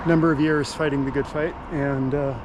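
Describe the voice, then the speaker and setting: Out running near a car, the vlogger rambles casually and easily, his voice a little high with little pitch movement at normal speed. The lo-fi outdoor recording carries car and ambient noise.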